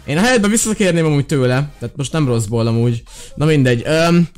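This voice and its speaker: High-voiced excitable young gaming man. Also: clean tone, faint music behind. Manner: excitable, shouts when the game gets tense. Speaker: gaming YouTuber. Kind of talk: energetic let's-play commentary.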